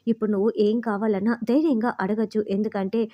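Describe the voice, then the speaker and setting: A woman's voice: medium pitch, fairly even intonation, quick pace, dull audio, lightly acted. A woman voicing a worried, devoted husband and father in a read-aloud serial recap, in her plain reading voice. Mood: earnest.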